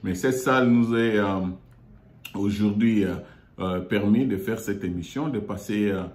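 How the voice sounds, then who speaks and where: A man from Congo hosting his own online show, talking haltingly with many fillers and repeated words from a meeting room in an office. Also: fairly low pitch, a little mellow. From Democratic Republic of the Congo. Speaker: YouTube show host. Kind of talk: hesitant monologue. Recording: echoey room.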